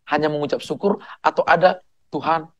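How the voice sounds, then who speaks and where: Pastor host asking gentle questions. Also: male voice, mid-range voice, animated, normal speed, no echo. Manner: thoughtful, searching questions with preaching asides. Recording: dull, dry sound.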